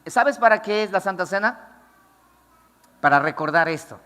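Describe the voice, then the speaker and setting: A man's voice: high-pitched, lively intonation, normal speed, pushed and bright, long reverb tail. A male pastor preaching a fervent, emphatic sermon to a congregation in a church.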